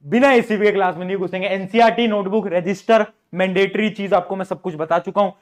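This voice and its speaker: A man's voice: high-pitched, fairly even intonation, fast. A man teaching an online class, chatty, repeating phrases and mixing English terms into his talk.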